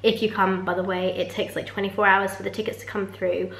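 Talking briskly in a mid-range voice with vocal fry, a young vlogger speaks chattily and candidly, restarting here and there. She holds the camera at arm's length as she moves through the bathroom and sitting room of a holiday rental flat, where the small rooms echo.

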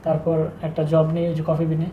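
A young man with speech, telling his own story in a halting, subdued way with frequent restarts. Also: fairly high pitch, completely flat delivery, phone-quality sound. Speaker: interview guest telling his breakup story. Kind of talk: casual personal storytelling. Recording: echoey room with faint background noise.

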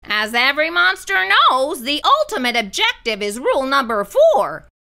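A woman voicing a strict long-necked male monster teacher, speaking in a lower, measured and instructive way. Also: wildly swooping pitch, vocal fry, sharp tone, full character voice. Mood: stern, instructive.

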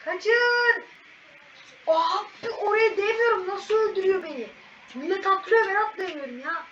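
A woman commentating a video game as she plays, excitable and exclaiming at every fail and win. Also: extremely high pitch, brisk. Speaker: gaming channel host. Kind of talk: live gameplay commentary. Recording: distant, muffled mic with loud background noise.

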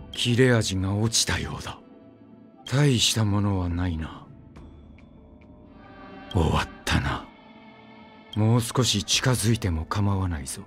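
In an exaggerated, creaky voice that's a bit bright, a man voices a brooding, weary immortal swordsman for a game. His lines come terse and clipped, low, curt and grim.

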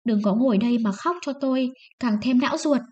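A woman voicing a timid, sick husband who gently urges his wife in a trembling voice. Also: fairly high pitch, brisk, dull audio, natural voice. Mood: gentle urging.

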